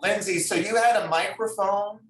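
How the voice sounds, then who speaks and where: A man with a high-pitched, slightly bright voice chats casually at a moderate pace as a talk show guest, self-deprecating and comically indignant. There's no dedicated microphone, so he sounds distant and the room echoes.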